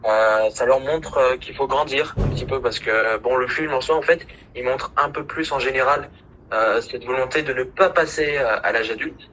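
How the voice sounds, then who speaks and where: Earnest bright-voiced podcast panelist. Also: male voice, medium pitch, moderate pace, a little hiss or hum, low-quality recording. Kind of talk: casual podcast chat.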